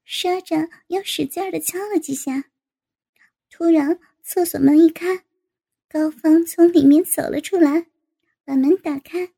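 A woman reading a story aloud in a steady storytelling manner. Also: very high-pitched, a little slow, vocal fry. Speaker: narrator. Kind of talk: read-aloud story narration.

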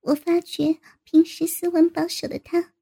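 A young woman narrating an adult audio story in a breathy, intimate way, sometimes dropping to a whisper. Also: very high-pitched, flat delivery, normal speed, dark tone.

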